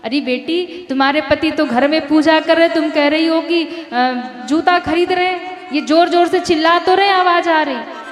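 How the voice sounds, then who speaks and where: Old guru, played by a woman narrator, calm, gently scolding, echoey hall. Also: very high-pitched, unhurried, soft background music. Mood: gently reproving.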